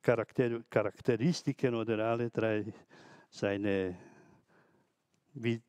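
A man who is not a native speaker, preaching a sermon slowly, with many restarts and hesitations. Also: fairly low pitch, steady tone, a little mellow, smooth, no echo, studio quality. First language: not German.

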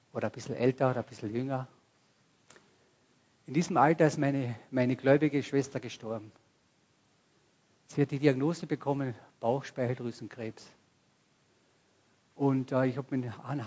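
A man's voice: medium pitch, dull audio. A man preaching a sermon to a congregation, speaking conversationally and asking the listeners questions directly. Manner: rises to loud bursts when quoting cries. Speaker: pastor. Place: church service before a congregation.

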